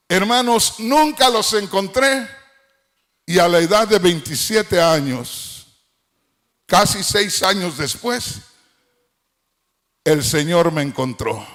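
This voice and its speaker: A middle-aged man preaching a sermon, fervent, at times shouting and half-singing his phrases. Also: a little high, animated, slow pace, long pauses.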